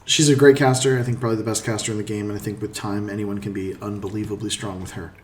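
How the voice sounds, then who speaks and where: A man co-hosting a casual game discussion, talking in a measured way and thinking aloud with frequent pauses and "um"s. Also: on the low side, fairly even intonation, a little mellow, roomy sound. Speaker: podcast guest co-host. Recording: distant mic with faint noise.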